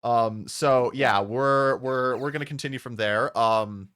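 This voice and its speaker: A man's voice: medium pitch, measured pace, fairly bright tone, clean tone. A man streaming live, chatting casually and rambling while setting up a game voice-over, swearing now and then. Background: faint music.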